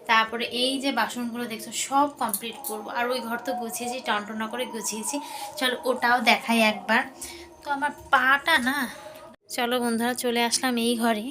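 A woman vlogging casually on a handheld phone, chatting straight to her viewers as friends. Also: on the high side. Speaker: lifestyle vlogger. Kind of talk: casual vlog narration. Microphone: handheld phone camera.

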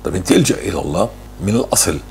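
Fervent man with a gravelly low voice. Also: expressive, racing, a little mellow, slight background noise. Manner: fervent, repeating words for emphasis. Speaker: religious speaker. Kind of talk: answering religious questions.

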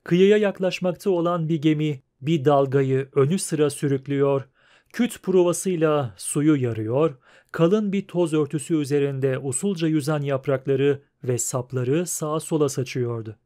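A man narrating an audiobook in a steady, measured reading. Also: on the high side. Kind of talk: scripted narration.

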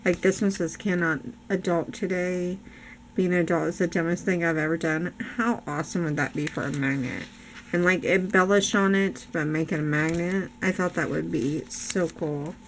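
Her fairly low voice keeps a steady tone and moderate pace as this older crafting vlogger presents a casual haul from her indoor craft table. Though her voice is giving out, she's chatty, keen and often laughing; the recording, made at home with an overhead camera, is noisy.

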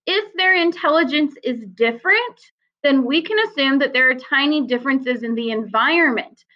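A woman with a high voice teaches a lecture, explaining ideas in an easygoing, conversational way with the odd "um" and "uh." The recording sounds somewhat dull and lo-fi. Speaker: psychology teacher.

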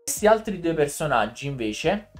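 A man's voice: fairly high pitch, sing-song, moderate pace, soft background music. A man co-hosting a casual live stream, explaining anime series at length in a chatty, informal way. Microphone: streaming setup microphone.

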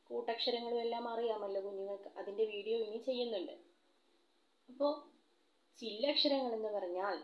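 A woman's voice: fairly high pitch, dull audio. A woman teacher with a Malayali accent giving a children's alphabet lesson, coaxing her young pupils with questions. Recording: echoey room.

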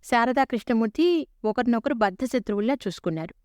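A woman narrating a story in a steady, expressive reading voice. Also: fairly high pitch, brisk, dry recording, clean studio sound.

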